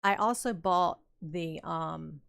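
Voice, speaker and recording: A woman's voice: lowish voice, slow, creaky, smooth. An older woman streamer chatting casually and telling a rambling story while she plays a game, laughing often. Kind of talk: casual chat while playing.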